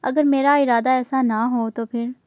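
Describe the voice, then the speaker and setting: A woman playing a cocky young guy in a storybook reading, smug and mocking. the voice stays fairly high and bright, close and dry with no room sound. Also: fairly even intonation, unhurried, no room sound. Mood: teasing. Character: teasing cocky young man.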